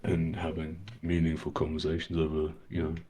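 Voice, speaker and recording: A man's voice: extremely low pitch, completely flat delivery, fairly quick, dark tone, husky. A man with an English accent, chatting casually as a guest who rambles and laughs often. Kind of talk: casual chat.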